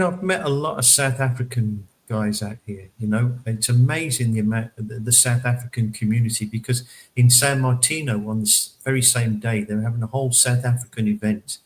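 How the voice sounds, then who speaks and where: A man's voice: medium pitch, normal speed, low-quality recording. Chatty man full of fillers. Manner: chatty, many fillers and repeated words. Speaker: panelist reporting on a local event. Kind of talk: casual chat.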